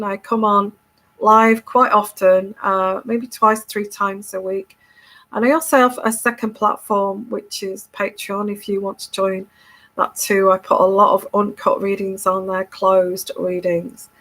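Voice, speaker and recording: Congested from a cold, a woman who runs a tarot channel chats casually to her viewers in a slightly bright, ordinary mid-range voice. Her solo video monologue is full of restarts and repeated words, and she keeps checking in with "okay?"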